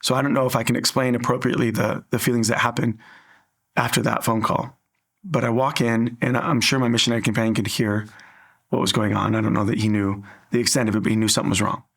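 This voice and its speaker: A man's voice: medium pitch, flat delivery, quick pace, gravelly, fairly bright tone, breathy edge. A man sharing an earnest personal faith story in an interview, acting out the dialogue as he tells it.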